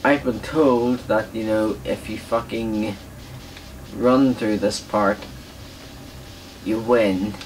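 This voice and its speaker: Slow and pausing often, a young adult man with a voice on the low side and fairly even intonation talks drunkenly over his gameplay, rambling and swearing a lot. This gaming video host sits at a desk in a small indoor room, and the distant mic picks up clear background noise.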